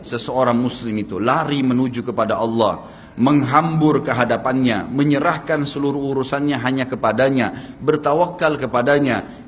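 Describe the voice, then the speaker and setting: An earnest Indonesian-accented man preaching a sermon to his listeners. His voice sits at a middle pitch and rises and falls sharply when he stresses a point. A faint hum of ambience runs beneath the recording. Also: in a large hall. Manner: earnest, addresses audience directly, swings pitch for emphasis. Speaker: Islamic preacher.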